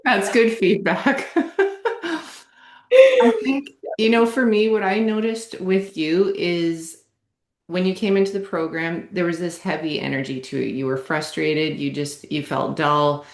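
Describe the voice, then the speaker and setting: A woman's voice: lowish voice, steady tone, measured pace, creaky, reverberant. A woman coach interviewing a client, speaking in an encouraging, affirming way. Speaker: wellness coach and program host. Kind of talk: casual interview.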